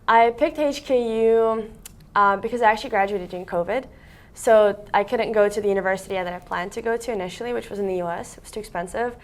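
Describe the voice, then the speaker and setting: A young adult woman from Siberia, Russia, a content creator, talks casually as an interview guest at a table in an office meeting room. Her chatty, loose speech is full of "like" and "um," delivered fast in a steady, mid-range voice.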